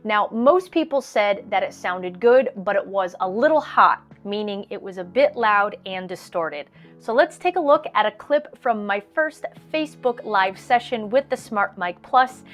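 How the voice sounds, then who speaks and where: A woman narrating a step-by-step tech tutorial voice-over as a product reviewer, explaining calmly and plainly. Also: mid-range voice.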